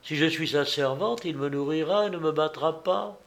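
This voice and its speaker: A man reading aloud, voicing a respectful but firm young woman who speaks softly and earnestly to her father. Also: deep voice, moderate pace. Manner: soft, earnest pleading.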